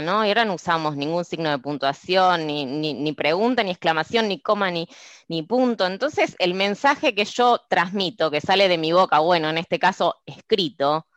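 A woman's voice: lowish voice, no room sound. A woman with an Argentine accent hosting a podcast, telling anecdotes in a chatty, casual way. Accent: Argentine Spanish. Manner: lively storytelling, chatty anecdotes. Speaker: podcast host.

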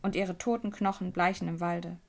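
A woman voicing a gaunt, giant female monster of cowardice in a storybook, in a shrill, mocking voice with a gravelly edge. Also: fairly even intonation, normal speed, lightly acted.

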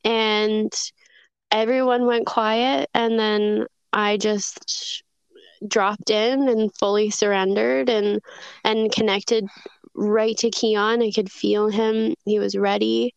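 Slow, smooth-voiced woman, reflective. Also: mid-range voice, little pitch movement, no echo, dull audio. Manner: reflective, hesitant, many fillers and restarts. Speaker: guest. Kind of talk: podcast interview, recounting a personal story.

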